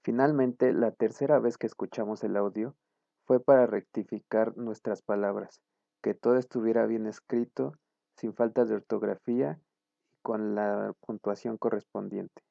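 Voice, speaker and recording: A man, a student, reading his class presentation in a steady, explanatory way. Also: fairly low pitch, normal speed, gravelly, no room sound, dull audio.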